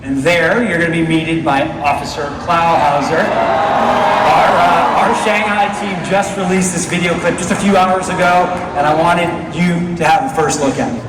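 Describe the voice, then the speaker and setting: A company executive gives an energetic keynote on stage before a live audience in a dim, cavernous convention hall. Recorded on a phone far back in the crowd, his slightly high, steady voice at a moderate pace comes through the PA, with echo and audience noise around it.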